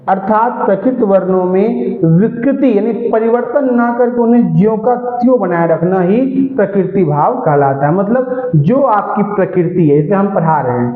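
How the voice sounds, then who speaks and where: A man teaching Sanskrit grammar, asking questions and answering them himself. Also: high-pitched. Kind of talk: classroom grammar lesson. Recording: echoey room, tinny phone-like sound.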